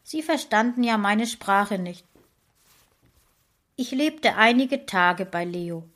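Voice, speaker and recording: A woman narrating a children's story in the first person of a dog, in a gentle storytelling manner. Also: medium pitch, animated, slow. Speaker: audiobook narrator.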